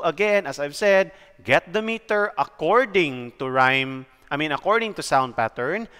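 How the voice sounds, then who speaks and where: A male teacher from the Philippines gives a recorded lesson at an unhurried pace, his voice bright and smooth. His words trail off into a long reverb, like a hall, as he explains step by step. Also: fairly high pitch. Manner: slow, deliberate explaining with pauses for counting.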